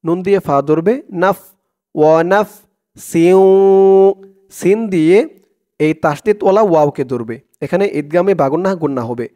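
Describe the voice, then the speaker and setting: A man with a Bangladeshi Bengali accent teaching the Quran word by word. He draws out slow recitation and gives quick spoken explanations in between. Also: fairly high pitch, a little mellow.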